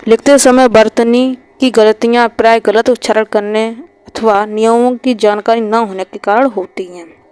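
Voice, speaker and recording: A woman teaching an exam-prep Hindi spelling lesson over a screen recording. She repeats each word and keeps asking quick check questions. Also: a little high, a little mellow, clean tone, no echo. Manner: repeats words and asks quick rhetorical checks.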